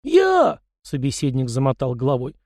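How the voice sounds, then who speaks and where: A man reading a first-person story aloud in an expressive, animated way. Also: medium pitch, fairly quick, dry recording, clean studio sound. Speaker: audiobook narrator. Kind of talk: first-person audiobook narration.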